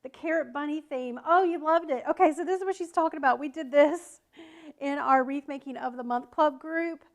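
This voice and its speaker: A high-pitched woman with a Southern American accent leads a live craft tutorial from her home workspace. She talks in a chatty, friendly way, greeting viewers by name between steps, and her voice is picked up by the camera mic. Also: a little fast. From South Carolina, United States. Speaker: wreath-making teacher and shop owner.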